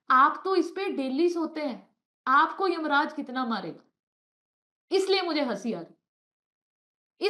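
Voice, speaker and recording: A beaten maidservant, wry and pleading, laughing through her tears, voiced high and bright. A woman acts her out within a storytelling talk. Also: exaggerated voice.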